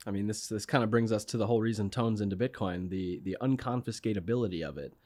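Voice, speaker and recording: A man's voice: lowish voice, fast talker, a little mellow. A man co-hosting a podcast, chatting casually and joking as he corrects himself. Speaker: podcast co-host.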